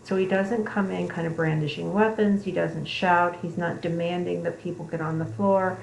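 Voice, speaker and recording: A woman's voice: on the low side, fairly even intonation, moderate pace, gravelly, a little mellow. A woman psychology instructor giving a recorded online lecture, explaining at length with frequent fillers and restarts, in an echoey room. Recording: echoey room with faint noise.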